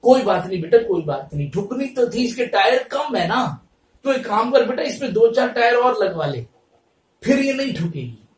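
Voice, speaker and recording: A man's voice: extremely high pitch, very animated, normal speed. Man doing an old man, sarcastic, mock-kindly, far-off mic. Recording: echoey room, mic set far away.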